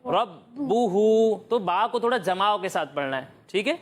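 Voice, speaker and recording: A Quran teacher leading a children's recitation lesson, patiently quizzing the pupils and slowly modelling each sound. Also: mid-range voice, animated, a bit bright.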